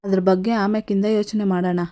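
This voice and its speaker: A woman's voice: mid-range voice, little pitch movement, quick pace, mellow, natural voice. Woman doing a scolding college friend. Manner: scolding, then consoling. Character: scolding but caring young female college friend.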